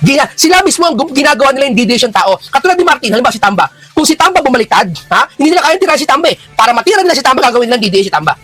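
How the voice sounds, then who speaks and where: A man giving heated political reaction commentary, firing rhetorical questions and rising into shouts. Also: very high voice, sing-song, rapid-fire, hardly any pauses, soft background music.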